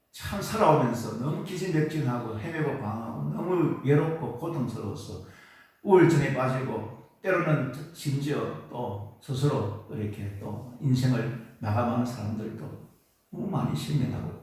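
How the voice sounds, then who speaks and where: A male pastor preaching a Sunday sermon in an earnest, coaxing way, often repeating phrases and prompting the congregation. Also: mid-range voice. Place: church sanctuary during Sunday service. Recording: echoey church hall from far off.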